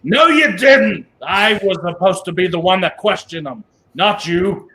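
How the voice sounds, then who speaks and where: A man's voice: high-pitched, animated, measured pace, pushed and bright, pitched above the performer's own voice, full character voice. A man voicing a stern, suspicious hobgoblin warlord in a tabletop game, commanding and insistent. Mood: irritated, insistent.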